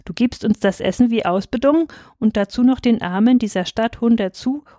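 A woman voicing a calm, wise old male saint who speaks firmly. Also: a little high, a little fast, dry recording, clean studio sound, close to an everyday voice.

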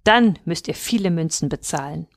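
A woman voicing a suspicious army officer, speaking slowly and threateningly. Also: sits low, animated, dry recording, studio quality. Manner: slow, threatening. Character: angry suspicious colonial army officer, man.

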